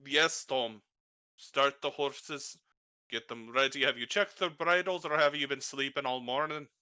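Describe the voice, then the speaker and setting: A man voicing a stern winged caravan leader who lays down the rules in a brisk, commanding way. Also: medium pitch, pushed and bright, clean tone, no room sound.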